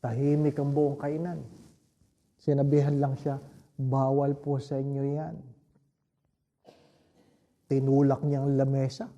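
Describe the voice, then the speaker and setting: A man with a Filipino accent, a priest giving a homily, telling a story slowly and reflectively and often turning to the listeners with rhetorical questions. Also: medium pitch, monotone, dark tone, highs cut off. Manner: slow, reflective storytelling with frequent rhetorical asides.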